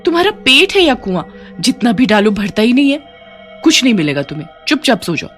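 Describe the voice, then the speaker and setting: A woman voicing a sharp-tongued, scolding village wife in a cartoon story. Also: normal speed, faint music behind, close to an everyday voice. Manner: scolding, shrill.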